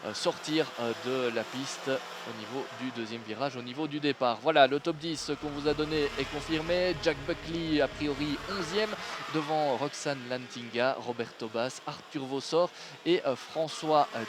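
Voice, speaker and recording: A male motorsport commentator calls a kart race live. His voice sits a bit high and his phrases are broken by frequent hesitations. Clear vehicle and outdoor noise runs behind him. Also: steady tone. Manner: hesitant delivery, frequently padded with drawn-out filler sounds. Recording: noisy trackside sound with engines. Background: outdoor ambience and vehicle noise.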